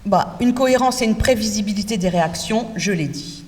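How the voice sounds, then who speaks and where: Female lecturer, lively and direct, quizzing her students with rhetorical questions, recorded from a distance in a large room. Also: mid-range voice, fairly quick. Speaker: lecturer in teacher training. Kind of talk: university lecture. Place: lecture hall. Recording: echoey lecture hall from far off, faint noise.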